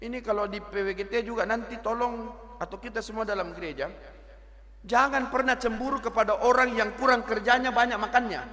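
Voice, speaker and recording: A middle-aged male pastor delivers a sermon in a high voice at a fairly quick pace, lively and teasing, with local words mixed in. A long church reverb hangs on the sound.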